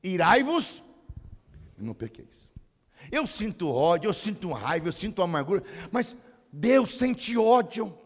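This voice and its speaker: Animated high-voiced preacher in a church hall. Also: male voice, a little slow, long pauses. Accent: Brazilian Portuguese. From Brazil. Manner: animated, humorous preaching with acted-out prayers. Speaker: pastor. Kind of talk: sermon. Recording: long church-hall reverb.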